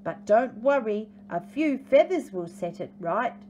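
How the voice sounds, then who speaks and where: A woman's voice: fairly high pitch, sing-song, measured pace, darkish tone, slight background noise. A woman voicing an elegant female emu in a storybook, fluttering and sighing in her delivery. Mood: fluttery.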